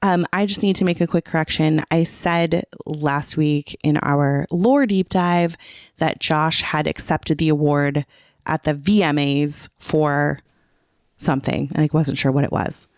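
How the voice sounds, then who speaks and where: A middle-aged woman co-hosts a casual podcast, chatting in an effusive, informal way and saying "like" a lot. Her voice sits low with a steady tone and measured pace, in clean studio sound without room echo.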